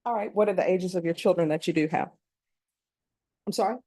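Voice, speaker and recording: Courtroom recording: a woman judge with a mellow, dark voice and a brisk, formal delivery. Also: fairly low pitch. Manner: brisk, formal, reads set questions. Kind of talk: formal plea admonishments.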